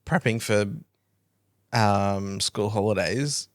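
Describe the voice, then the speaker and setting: A woman co-hosting a podcast in casual chat, hoarse and half-sick, rambling with fillers and deadpan jokes. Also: a bass voice, slow, no echo, studio quality. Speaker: podcast co-host.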